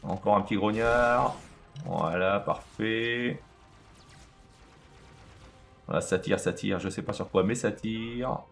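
A man's voice: lowish voice, slow, creaky, pauses often, fairly bright tone, faint music behind. A man casually commenting on his own video game play, chatting to himself and to the enemies on screen.

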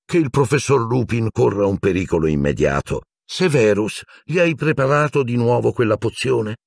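A genial old headmaster, cheerful and firm, his lines pitched a little higher than the narrator's own voice, as a man puts him on. The tone is husky and the sound dry and close. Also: huge pitch swings, unhurried, no room sound, heavily acted. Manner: bright, genial and decisive.

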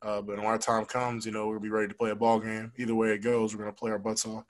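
At a post-game press conference, a young college football player answers reporters frankly and conversationally, talking fast with many fillers. He has a fairly low voice and a completely flat delivery. He's speaking into a desk mic on a stand in a press room with a logo backdrop, captured in a low-quality recording.

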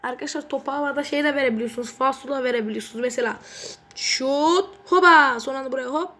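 A woman giving excitable, foul-mouthed commentary while playing a mobile football game, bursting into shouts at the game. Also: high-pitched, fast talker. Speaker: gaming channel host.

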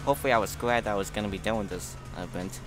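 Low-voiced, unhurried man narrating gameplay. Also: music in the background. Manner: low, relaxed, unhurried delivery; halting, often repeats words. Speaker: gaming video host. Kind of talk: recorded gameplay commentary.

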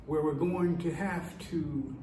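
An older man, an actor, performing an impassioned civil rights preacher's speech in a slow, oratorical delivery, filmed on a phone camera in a small tiled room. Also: a little high, steady tone. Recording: echoey room, faint hiss.

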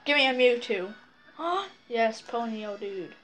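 Woman gaming w a kid, super bouncy up-and-down voice, slow laid-back talk, teasing, shrieky. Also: a little high, lively intonation, fairly bright tone, low-quality recording. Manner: playful and teasing, breaks into shrieks and laughter. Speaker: gamer playing with a child. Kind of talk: casual gameplay chat.

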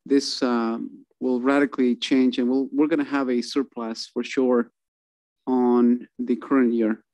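A man presenting a city budget at a council meeting over a video call, halting with many fillers and restarts. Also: mid-range voice, little pitch movement, warm tone, no room sound.

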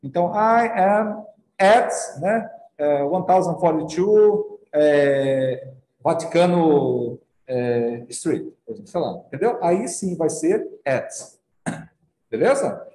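A Brazilian Portuguese-speaking man teaching English vocabulary, checking in with his students after each point and slowly sounding out the English words. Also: fairly high pitch, lively intonation, dark tone, reverberant, low-quality recording. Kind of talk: classroom lesson.

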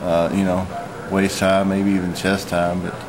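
A man in his forties giving an unscripted, matter-of-fact eyewitness vlog report, speaking haltingly. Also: low-pitched, little pitch movement, background noise. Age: 40s. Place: hotel lobby, indoors.

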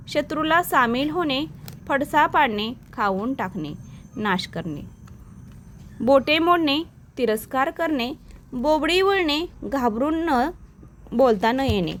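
Slow high-voiced woman teacher reciting. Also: slight background noise. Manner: slow, even recitation of phrase and meaning pairs. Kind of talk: reading a vocabulary list for exam prep.

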